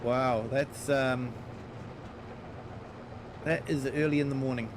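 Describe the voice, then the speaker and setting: Playing a farming game on stream, a middle-aged streamer with a New Zealand accent talks casually to his audience and welcomes viewers by name. He speaks slowly and steadily at a medium pitch over a noisy background.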